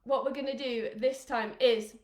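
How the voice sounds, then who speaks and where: A woman's voice: sits high, fairly even intonation, moderate pace, reverberant. A woman from England coaching young children through a live online rugby skills session, upbeat and encouraging, counting down drills and sometimes out of breath. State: out of breath at times.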